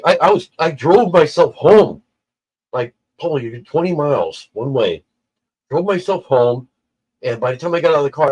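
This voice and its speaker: Livestream guest, male, husky mid-pitched voice, chatty storyteller who does the voices of people in his anecdotes. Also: poor audio. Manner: animated storyteller acting out quoted people.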